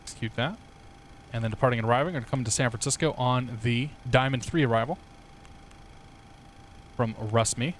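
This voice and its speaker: A man's voice: mid-range voice, a little fast, pauses often, a little hiss or hum. A young man streaming a flight simulator, chatting casually with viewers, laughing and swearing now and then. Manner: laid-back, swears casually, laughs often. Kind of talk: casual livestream chat with viewers.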